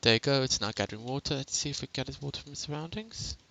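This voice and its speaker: A man's voice: mid-range voice, quick pace, creaky, pushed and bright, poor audio. A young man casually narrating a game tutorial on a headset at home, rambling and correcting himself as he goes. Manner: rambling, self-correcting, chatty.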